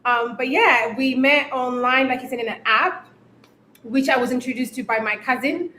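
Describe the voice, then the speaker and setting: A woman's voice: sits high, moderate pace, bright, forceful tone, reverberant, a little hiss or hum, low-quality recording. A young woman from Kenya, raised in the UK, telling her story as a guest in a casual interview, with many ums. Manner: chatty storyteller with frequent ums. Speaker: guest, YouTuber.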